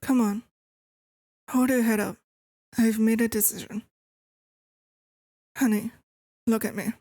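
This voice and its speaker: In an ASMR role-play, a woman with a voice on the high side plays a possessive, controlling wife, speaking with sweet, eerily obsessive calm and deliberate pauses. The recording is dry and studio quality.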